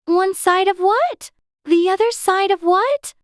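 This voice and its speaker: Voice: very high-pitched, animated, slow, no room sound, clean studio sound, pitched above the performer's own voice, heavily acted. A narrator voicing a timid, polite, easily flustered little girl with proper, pleading manners in a dramatized storybook. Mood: puzzled, musing.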